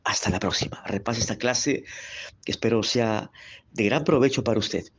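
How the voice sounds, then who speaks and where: A man teaching a lesson on the speaking voice, slow and deliberate, repeating key phrases and asking the listener to say them after him. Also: on the low side, husky.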